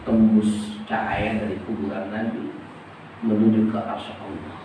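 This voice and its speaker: A man preaching at a religious study gathering, telling stories in an animated way and joking with the audience. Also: fairly low pitch, unhurried. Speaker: preacher teaching a religious text. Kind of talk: storytelling sermon at a study gathering. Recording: echoey hall, mic far off, ambient noise.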